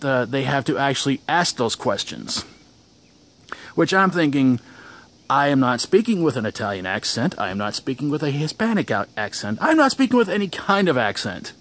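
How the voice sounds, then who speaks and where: A man's voice: medium pitch, a bit bright. A young man telling a casual vlog story outdoors, rambling, with restarts and chuckles. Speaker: vlogger.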